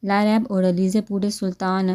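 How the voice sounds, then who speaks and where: A woman narrating a romance novel aloud in a steady, expressive reading. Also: medium pitch, smooth. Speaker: audiobook narrator.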